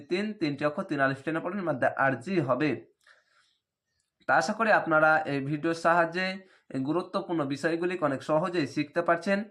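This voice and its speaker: Patient Bengali-speaking Quran teacher, slightly high voice. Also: male voice, fairly bright tone. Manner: spells letters and vowel marks slowly, then reads the word drawn out. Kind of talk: spelled-out Quran recitation lesson.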